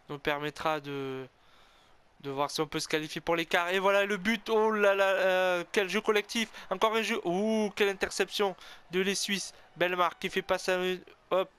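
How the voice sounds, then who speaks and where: A man calls his own hockey video game like a play-by-play announcer, cheering his team on and groaning with a stream of exclamations. His voice sits a little high and comes across smooth and clear. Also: a bit bright. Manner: self-corrects and admits being an amateur. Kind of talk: excited play-by-play game commentary.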